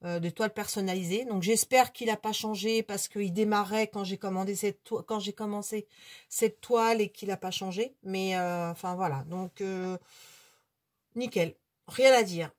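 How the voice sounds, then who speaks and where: A woman's voice: mid-range voice, moderate pace. Chatty woman hosting a hobby vlog. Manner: chatty, hesitant, many fillers. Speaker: hobby channel host. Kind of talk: casual unscripted product review.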